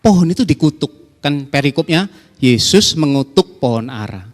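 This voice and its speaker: A man's voice: a little high, expressive, normal speed. A man preaching a sermon to his congregation in a conversational way, acting out quoted callers in a raised voice. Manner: conversational, addresses the congregation directly. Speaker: pastor. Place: church hall. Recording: reverberant church hall with soft music.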